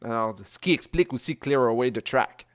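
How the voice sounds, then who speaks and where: A man's voice: mid-range voice, fairly quick. A man with a Québécois French accent hosting a music radio show, chatting casually between songs with many hesitations and fillers. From Quebec. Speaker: radio host.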